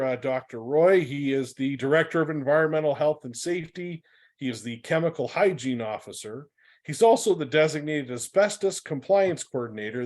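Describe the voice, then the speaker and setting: A man hosting an online webinar, giving friendly, upbeat introductions of the speakers with a few fillers. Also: a little high. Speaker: webinar host.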